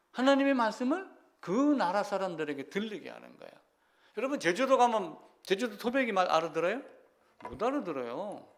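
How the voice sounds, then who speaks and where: This pastor's voice sits high as he delivers a conversational sermon. He asks his congregation questions and swings from loud, emphatic moments to quiet side remarks.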